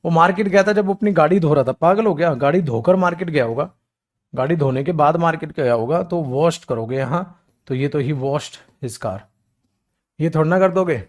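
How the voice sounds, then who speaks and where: At a steady, moderate pace, this government-exam English teacher lectures on grammar, explaining in Hindi while giving examples in English. His tone swings between fond scolding and gentle coaxing, he addresses students as "beta," and he drops into a feeble, low voice to imitate their whining.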